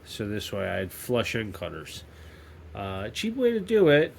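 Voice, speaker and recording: Creaky and lowish, this man's voice swoops wildly in pitch at a slightly slow pace. He hosts a maker-channel vlog in his home workshop, congested from a cold, joking, rambling and cutting himself off mid-sentence amid slight background noise.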